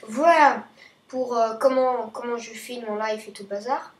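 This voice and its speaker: A woman's voice: fairly high pitch, normal speed, recorded from a distance. Chatty woman, echoey off-mic gameplay talk. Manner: rambling, chatty, self-correcting. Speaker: gaming channel host. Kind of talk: live gameplay commentary.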